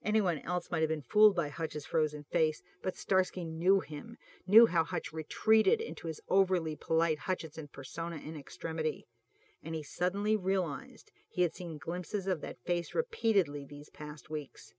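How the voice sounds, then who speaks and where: Narrator for a fan fiction audiobook with a steady, expressive delivery and a mid-range voice. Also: medium pitch, normal speed, dry recording.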